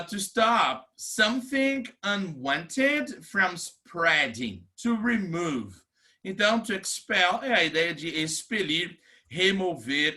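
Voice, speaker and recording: Brazilian man teaching English online, lively up-and-down delivery, fairly high voice. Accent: Brazilian Portuguese. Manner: slow, lively teaching delivery, stretches English words and repeats "né?". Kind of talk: recorded online class.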